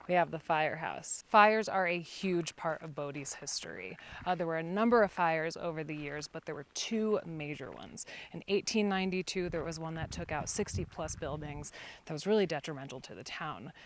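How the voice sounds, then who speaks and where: A woman who vlogs travel and used to be a tour guide leads viewers on a chatty, enthusiastic tour, telling stories as she goes. Her low, slightly bright voice has lively intonation and a moderate pace. Music plays beneath her, with a bit of background noise.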